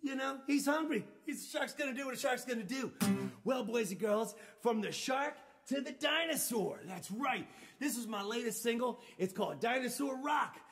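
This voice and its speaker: A man's voice: very high-pitched, expressive, normal speed. A man performing as a children's musician, leading a playful, upbeat live-streamed sing-along for kids. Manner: playful, upbeat, calls out to young listeners. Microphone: live-stream microphone. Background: loud acoustic guitar.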